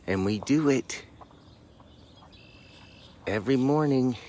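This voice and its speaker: A man's voice: medium pitch, slow pace, dark tone, slight background noise. A man hosting a casual morning beach report outdoors, chatting politely and encouragingly. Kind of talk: casual vlog narration and chat.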